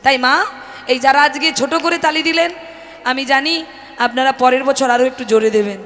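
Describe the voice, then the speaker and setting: High bright-voiced woman preaching kirtan. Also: fairly even intonation, moderate pace. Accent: Bengali. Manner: addresses the women in the audience as mothers, joking and coaxing. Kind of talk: devotional kirtan sermon with call-and-response chanting. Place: open-air temple courtyard with a crowd. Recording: distant mic with long reverb and music.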